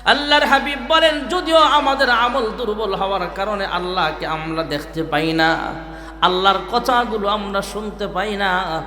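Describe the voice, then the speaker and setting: Man preaching a waz sermon, high voice, bright tone, sing-song chant, booming hall echo with music. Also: normal speed. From Bangladesh. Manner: sing-song chanting delivery, calls on the crowd to respond. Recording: echoey hall with music behind.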